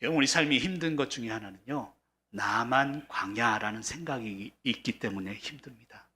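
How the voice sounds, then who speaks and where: Bright-voiced earnest male pastor preaching. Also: medium pitch, moderate pace. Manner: earnest preaching, swelling to emphatic peaks. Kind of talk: sermon.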